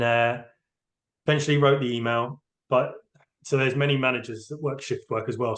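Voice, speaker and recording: A man, a train driver giving a candid, hesitant personal account in a podcast interview. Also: mid-range voice. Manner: hesitant, open, emotionally candid.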